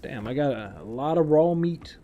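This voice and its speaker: A man's voice: a little high, lively intonation, moderate pace, mellow, highs cut off, a little hiss or hum. A man casually narrating his own gameplay as a streamer, talking to himself with wry, sarcastic asides.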